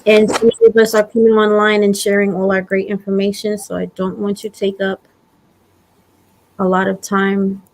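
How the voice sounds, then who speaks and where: A woman's voice: mid-range voice, level tone, moderate pace, darkish tone, a little hiss or hum, rough recording. Chatty woman with a Brooklyn accent. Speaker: host of a live prepping stream. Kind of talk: casual livestream chat.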